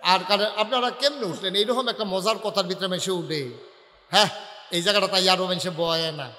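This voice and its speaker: A man leads a lively, humorous sermon and keeps teasing his listeners. His voice sits high and sounds sharply bright. It comes through a PA at a big gathering with a long hall reverb. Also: fairly quick. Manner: rousing, teasing the crowd, sudden shouts. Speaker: preacher.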